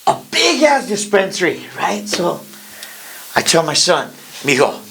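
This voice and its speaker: Animated, rambling man in his fifties. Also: high voice, measured pace, creaky, a little hiss or hum. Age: 50s. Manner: rambling, profane, mixes Spanish slang into talk. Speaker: podcast host. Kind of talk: casual comic storytelling.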